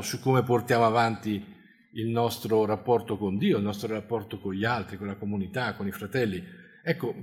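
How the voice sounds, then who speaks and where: A man preaching a reflective sermon, reading scripture aloud and talking in a halting way, restarting words and adding little tag questions. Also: mid-range voice.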